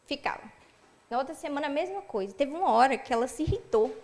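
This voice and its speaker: A young woman giving a personal testimony at church, telling her story with lively acted-out dialogue. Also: high-pitched, fast.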